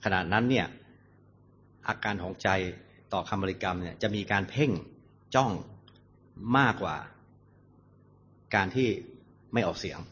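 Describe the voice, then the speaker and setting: A man teaching meditation, answering questions in a slow, measured dharma talk with pauses between phrases. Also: fairly low pitch, a bit bright. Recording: dull lo-fi recording.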